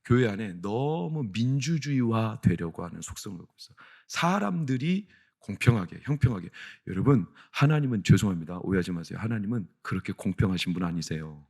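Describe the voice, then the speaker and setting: Korean senior pastor preaching with rising emphasis. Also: male voice, gravelly. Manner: asks the congregation questions and answers them himself; rises to loud, high emphatic peaks. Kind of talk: sermon. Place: church sanctuary.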